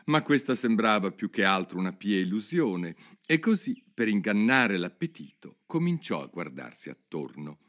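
Lively low-voiced male storyteller. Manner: expressive, measured storytelling. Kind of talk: scripted audiobook narration.

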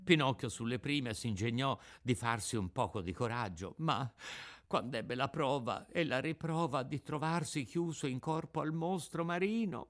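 A man narrating a classic children's tale in a lively, theatrical storytelling manner. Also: mid-range voice, moderate pace. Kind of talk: expressive audiobook reading.

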